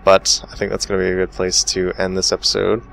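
Male let's play host, low and gravelly, reads text, reacts loudly. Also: fast, slight background noise. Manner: reads game text aloud and reacts with sudden excited outbursts. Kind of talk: casual gameplay commentary.

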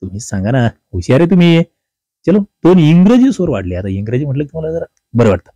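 Fast-talking male teacher, dark dry voice. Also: fairly high pitch, very animated, no room sound, lo-fi sound. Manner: fast, chatty and teasing, calls students brother and sister. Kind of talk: exam-prep grammar lesson.

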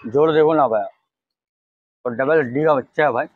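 A man selling his goats, answering in a quick, easygoing way and ending his lines with "bhai". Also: medium pitch, dry recording, phone-quality sound. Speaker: goat seller. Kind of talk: casual interview answers.

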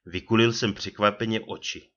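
A man's voice: lowish voice, steady tone, a bit bright, highs cut off. A man reading a humorous short story aloud with dry, ironic delivery. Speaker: audiobook reader.

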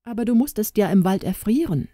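A woman reading the lines of a kind middle-aged gentleman in a storybook, speaking softly and tenderly. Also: medium pitch, lively intonation, fairly quick, dry recording, clean studio sound, voice pushed up, lightly acted. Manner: soft, tender speech.

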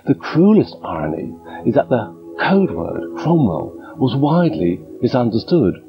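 A man's voice: medium pitch, big pitch swings, unhurried, creaky, muffled recording, music in the background. A man in his fifties with a posh British accent, presenting a documentary in a well-spoken manner. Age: 50s. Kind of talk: documentary narration and demonstration.

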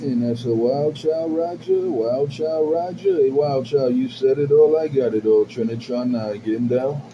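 A man's voice: medium pitch, moderate pace. A man talking over a CB radio from his base station, calling out his handle with rhythmic, repetitive sign-offs. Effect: CB radio transmission. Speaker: CB radio operator. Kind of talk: CB radio chatter with repeated handle call-outs. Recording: muffled radio with static hiss.

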